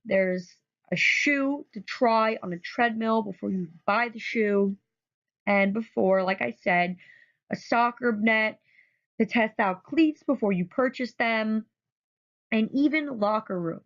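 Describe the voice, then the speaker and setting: A woman's voice: a little high, unhurried. A woman narrating a photo presentation, enthusiastic and often repeating words for emphasis. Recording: dull lo-fi recording.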